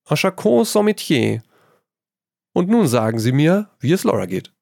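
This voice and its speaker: A man putting on a high, amused painter. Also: normal speed, vocal fry, no echo, clean studio sound, heavily acted. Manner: lively, amused, tossing in French phrases. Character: witty amused male painter, worldly and teasing. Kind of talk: storybook reading.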